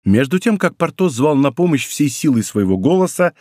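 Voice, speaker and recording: Male narrator, theatrical audiobook reading, lively melody, dry close sound. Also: fairly high pitch, normal speed, no echo. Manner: expressive, theatrical storytelling.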